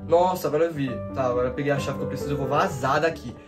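Over game music, a nineteen-year-old man with a Brazilian Portuguese accent, a gaming YouTuber, races through horror gameplay commentary at medium pitch. Jumpy and panicked, he shrieks, repeats words rapidly, and talks in slang straight to the people watching.

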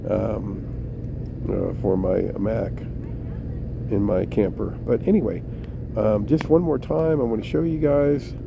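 A man casually walking through his campsite as he films, talking in a relaxed, rambling way with many fillers. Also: on the low side, measured pace, long pauses, dull audio. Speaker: vlogger. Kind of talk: casual walkthrough narration. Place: outdoor mountain campsite. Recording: outdoor camera audio with clear background noise.

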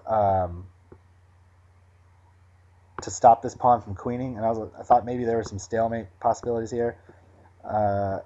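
A man calmly talking through a finished chess game move by move, thinking aloud with frequent fillers. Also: fairly low pitch, muffled recording. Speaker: chess commentator. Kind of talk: post-game chess analysis.

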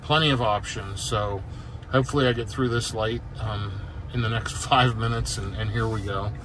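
A middle-aged man casually narrating his drive from inside a moving car, unhurried and halting, with frequent filler sounds. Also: fairly low pitch, fairly even intonation. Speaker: EV road-trip vlogger. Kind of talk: casual narration while driving. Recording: loud car road noise. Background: loud road and engine noise.

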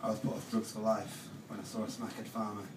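A young man doing stand-up in a halting, deadpan way full of ums. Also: fairly low pitch. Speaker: stand-up comedian. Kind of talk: stand-up comedy set. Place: comedy club stage. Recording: roomy live club, distant mic, noisy.

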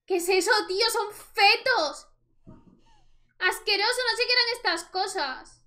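A woman's voice: very high voice, a little slow, bright, forceful tone. A young woman with a Spain Spanish accent gives chatty gameplay commentary, exclaiming at the screen and talking to her viewers. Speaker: let's play host.

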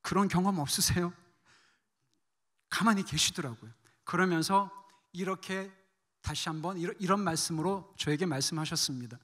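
Missionary guy giving a sermon, lively storytelling, keeps asking the congregation stuff, bright voice. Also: high voice, moderate pace, pauses often. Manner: animated storytelling, quizzing the congregation. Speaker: missionary guest preacher. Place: church service.

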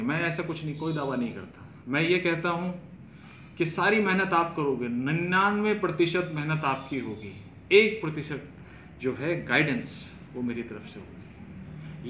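A man's voice: a little high, a bit bright, highs cut off, a little hiss or hum. Man teaching pronunciation, echoey room. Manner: explanatory, repeats words to demonstrate pronunciation. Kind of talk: explaining a course to students. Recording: echoey room with faint ambience.

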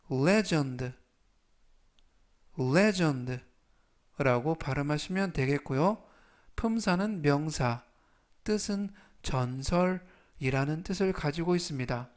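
Slow, deliberate male vocabulary teacher. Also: fairly high pitch, a little mellow. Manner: slow, deliberate, repeats each word three times. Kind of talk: scripted vocabulary lesson.

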